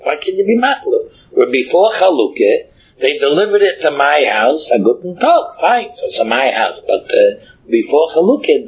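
A man with a very raspy, husky voice and a Yiddish accent delivers a Talmud lesson in English. His voice sits a bit higher than most men's. He reasons aloud, halting and repeating words as he explains. The recording is dull and lo-fi. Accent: Yiddish-inflected English. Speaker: Talmud teacher. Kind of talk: Talmud lecture, thinking aloud.

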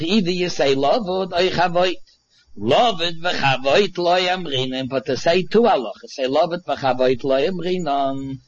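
A muffled, low-fidelity recording of a male Talmud teacher with a Yiddish accent. His voice sits quite high for a man. He explains informally, one step at a time, restating phrases with emphasis. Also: fairly bright tone. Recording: dull, muffled lo-fi audio.

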